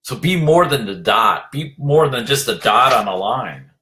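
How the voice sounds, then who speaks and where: A man giving an earnest motivational talk as a leadership coach, urging listeners on, repeating his phrases and filling pauses with "you know". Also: mid-range voice, animated, sharp tone.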